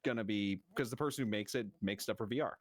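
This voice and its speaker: Brief: excitable man, lowish voice, dry close mic, casual chat guest who swears. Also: fast, dry recording. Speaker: VTuber guest.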